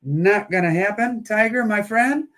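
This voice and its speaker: Chatty auction-host man, slightly high voice. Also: measured pace, a bit bright. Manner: chatty, joking, calls bids with once-twice counts. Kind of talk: casual live-stream auction chat.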